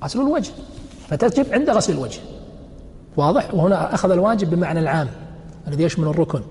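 A man teaching a religious text. He reads each quoted passage slowly, then explains it and checks with his students by asking questions. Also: on the high side, expressive, darkish tone, long reverb tail. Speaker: sheikh teaching a fiqh text.

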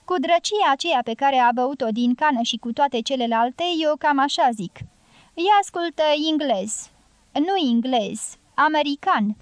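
A woman reading an audiobook, voicing a loud, blunt, domineering middle-aged guerrilla woman in a raised, forceful voice. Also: high voice, lively intonation, dry recording. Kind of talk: audiobook character voice.

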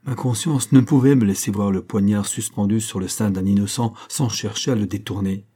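A stern, cold bishop speaking in grave, measured tones in a storybook reading, read by a male narrator. The voice is low, mellow and slightly husky. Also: steady tone.

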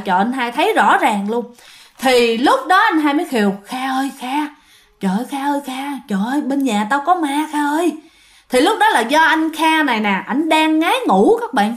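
A woman telling a ghost story in a casual, chatty way, talking straight to her listeners. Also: high-pitched. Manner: chatty, addresses listeners directly.

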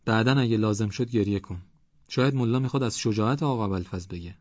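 A man voicing a mild village man gently coaxing a friend. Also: fairly low pitch, no echo, dull audio, natural voice.

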